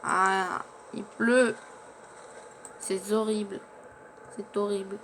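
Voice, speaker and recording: A man's voice: sits high, level tone, drawn-out words, bright, forceful tone. Chatty male gamer over noisy game sound. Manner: chatty, narrates his own actions, stumbles over words. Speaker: gamer playing in character. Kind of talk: in-character survival gameplay commentary.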